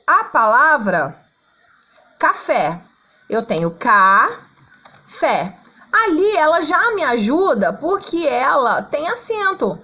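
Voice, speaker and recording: A woman's voice: sits high, a bit bright, rough recording. A woman teacher with a Brazilian accent, patiently explaining a lesson to schoolchildren and singing out syllables to show the stress. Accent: Brazilian Portuguese. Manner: checks in often with "tá?" and "ó".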